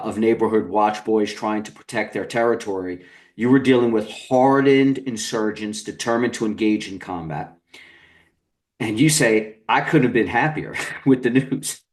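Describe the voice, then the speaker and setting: A man hosts a long-form podcast interview in a slightly low voice. He builds his questions slowly and often restarts mid-sentence. His delivery is measured and thoughtful.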